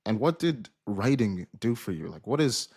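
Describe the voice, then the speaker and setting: A man's voice: on the low side, big pitch swings, moderate pace, a little mellow, slightly rough. Rambling male podcast host. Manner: rambling, loosely strung questions. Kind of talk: casual interview questions.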